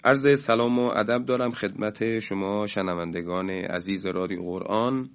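A man teaching Quran recitation rules in a radio lesson, speaking in a measured way, drawing out key terms slowly and chanting example words louder. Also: fairly low pitch, clear, resonant tone, lo-fi sound.

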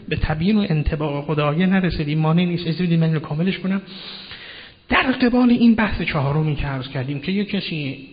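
A man preaching a religious lecture, speaking emphatically, swinging from loud to hushed and putting rhetorical questions to his listeners. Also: a little high. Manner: addresses listeners directly, asks rhetorical questions. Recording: dull lo-fi sound with long hall reverb.

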